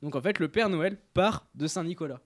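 A man's voice: a little high, normal speed, dry recording. Hesitant young man on dry radio mic. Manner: hesitant, many fillers. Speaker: radio show columnist. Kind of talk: casual radio chronicle.

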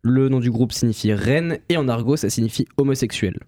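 A young man presenting a music history segment on the radio, halting and full of fillers. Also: mid-range voice, dark tone, dry recording. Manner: halting, many fillers and restarts. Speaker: radio columnist. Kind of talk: reading a history segment on air.

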